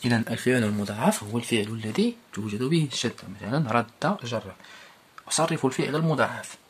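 A man with a Moroccan accent teaching a primary school Arabic lesson, explaining and repeating each word form slowly. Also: mid-range voice, animated, a little hiss or hum.

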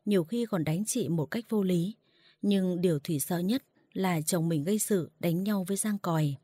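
Woman narrator for late-night sad stories; low, dry, mournful delivery. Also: dark tone, no room sound. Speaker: storyteller.

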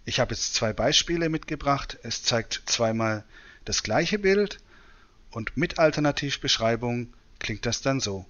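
A man presenting a software demonstration in tutorial narration. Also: medium pitch, expressive, a little slow, lo-fi sound. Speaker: presenter demonstrating screen reader.

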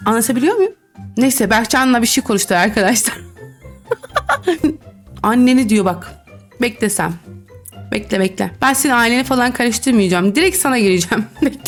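A woman's voice: on the high side, fairly quick, long pauses. A young woman giving casual, teasing game commentary, often giggling and reading chat lines aloud in a mocking voice. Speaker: gaming YouTuber. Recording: faint background music.

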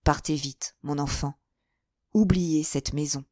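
A woman doing a quiet, restrained store owner. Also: sits low, fairly even intonation, measured pace, no room sound, clean studio sound. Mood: tender.

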